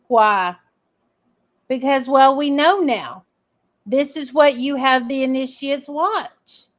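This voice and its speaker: A woman commentator talks in an unhurried drawl, her voice sitting a little high. She is sarcastic and swears freely as she reacts to clips and comments. The sound is close and direct. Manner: profane and sarcastic. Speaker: online commentator.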